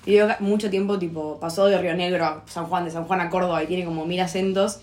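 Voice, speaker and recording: A young woman from Argentina with a Buenos Aires accent, co-hosting a casual podcast chat and telling slangy, animated anecdotes. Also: lowish voice, quick pace. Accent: Buenos Aires Rioplatense Spanish. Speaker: podcast co-host.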